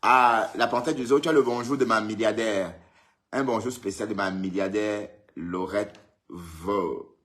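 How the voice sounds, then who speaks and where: A man with a lowish, slightly bright voice takes his time as he hosts a casual live stream indoors at his European home. Chatty and playful, he greets viewers by name and teases them.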